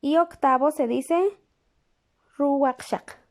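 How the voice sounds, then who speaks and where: A woman teaching a lesson, speaking patiently and pausing to check in with the class. She repeats each word slowly while writing it down. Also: high-pitched. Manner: checks in with the class through questions. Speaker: language teacher.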